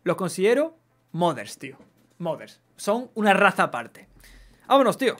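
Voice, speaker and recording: A man's voice: sits high, sing-song, normal speed, fairly bright tone. Chatty streamer man. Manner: chatty, swears casually, reads chat aloud. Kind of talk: casual live gameplay chat.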